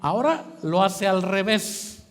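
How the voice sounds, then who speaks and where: High-voiced preacher in a reverberant hall. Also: male voice, big pitch swings, takes it slowly. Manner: asks the congregation questions for them to fill in; swings between quiet and emphatic. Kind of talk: sermon. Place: church hall. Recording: long church hall reverb.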